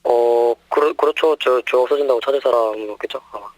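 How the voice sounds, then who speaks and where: Voice-disguised young man, 19, pitch shifted deep, quick halting answers, dry sound. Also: dry recording, low-quality recording. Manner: halting, hesitant, short answers. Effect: voice disguised, pitch shifted deeper. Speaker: interviewee. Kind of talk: news interview.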